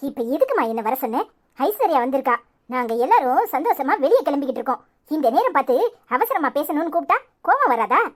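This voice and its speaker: A woman doing a pleading young cartoon wife, high-pitched. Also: big pitch swings, fast. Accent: Tirunelveli Tamil. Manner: pleading, earnest. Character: remorseful married daughter, young woman.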